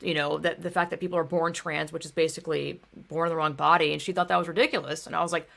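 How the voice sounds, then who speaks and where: A young woman talks straight to camera in a loose, heated rant. Her voice sits low and gravelly with plenty of vocal fry. She swears freely and leans on "like" and "dude" throughout. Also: steady tone, fast talker, a bit bright. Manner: heated, swears often, fills speech with "like" and "dude". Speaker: vlogger. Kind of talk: casual ranting monologue.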